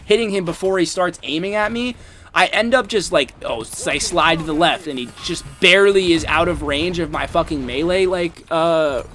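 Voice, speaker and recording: A man's voice: fairly high pitch, normal speed, a bit bright. Casual young man ranting about a game. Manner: casual, swears often, rambling with fillers. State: has the hiccups. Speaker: gaming YouTuber. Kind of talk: casual commentary over gameplay.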